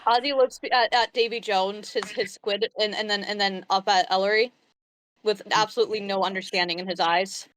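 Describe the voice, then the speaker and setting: A woman tabletop player describing her character's actions, halting and stumbling over words. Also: medium pitch, fairly even intonation, a bit bright, poor audio.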